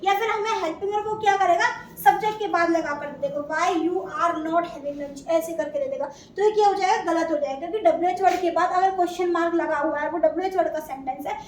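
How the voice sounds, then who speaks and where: High-voiced woman teaching in an echoey room. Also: fairly quick, hardly any pauses, distant mic. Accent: Indian. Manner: asks questions and answers them herself. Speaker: English grammar teacher. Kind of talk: classroom grammar lesson. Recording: echoey room, voice from afar, faint noise.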